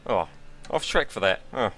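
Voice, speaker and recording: A man's voice: lowish voice, animated, moderate pace, fairly bright tone. A man giving casual, rambling and self-deprecating commentary while sim racing.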